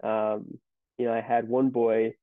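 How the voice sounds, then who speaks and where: A man's voice: medium pitch, level tone, a little slow, no room sound. A man in his thirties, a company CEO, telling stories in a casual interview with many restarts. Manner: rambling, storytelling with many restarts. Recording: tinny phone-like line, dry.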